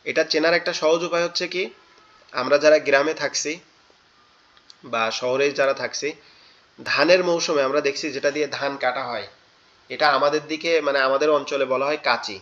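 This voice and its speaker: Man from Bangladesh, tajweed teacher, bright clear tone over muffled call audio, patient and repetitive. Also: mid-range voice. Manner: patient, repeats each letter sound slowly. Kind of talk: online class instruction. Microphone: online class audio.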